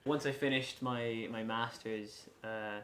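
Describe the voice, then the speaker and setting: A man in his late twenties with a west of Ireland accent, answering casually in an interview with frequent pauses. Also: mid-range voice, fairly even intonation, a bit bright. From Galway, west of Ireland. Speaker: lacrosse player being interviewed. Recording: echoey room with faint background noise.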